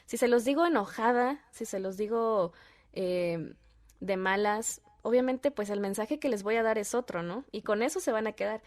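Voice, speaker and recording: A woman, a podcast guest and mother, telling animated stories and acting out quoted dialogue. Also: mid-range voice, normal speed. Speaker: guest, voice-over artist and mother. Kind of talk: casual podcast chat.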